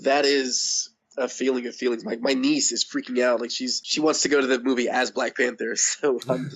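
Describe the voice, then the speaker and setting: Hoarse, gravelly man losing his voice. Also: medium pitch, level tone, normal speed, a bit bright. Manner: rambling, enthusiastic, laughs often. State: hoarse, voice going out. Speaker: podcast guest. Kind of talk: casual interview chat. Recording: dull lo-fi audio.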